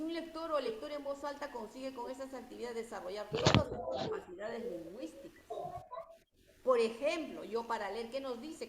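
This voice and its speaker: A woman teacher giving a lecture, explaining patiently and checking in with rhetorical questions. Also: fairly high pitch. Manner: explanatory, asks rhetorical "¿no?" often. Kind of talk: university-level lecture. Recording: echoey room with faint hiss.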